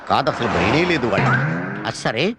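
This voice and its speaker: A man playing a scheming film producer in a comedy scene, talking quickly and with lively inflection. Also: medium pitch, loud music behind the voice.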